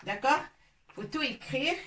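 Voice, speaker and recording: Slow, patient woman teaching sounds. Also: high-pitched, fairly bright tone, recorded from a distance. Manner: repeats sounds slowly and drills syllables one by one. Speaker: Arabic teacher. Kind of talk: slow, patient letter-by-letter pronunciation lesson. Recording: echoey room, voice a bit off-mic, faint noise.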